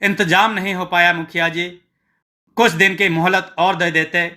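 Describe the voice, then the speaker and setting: A man's voice: high voice, steady tone, normal speed, sharp tone. A man doing a meek, pleading street vendor. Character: meek, poor male street-food vendor, trusting in God.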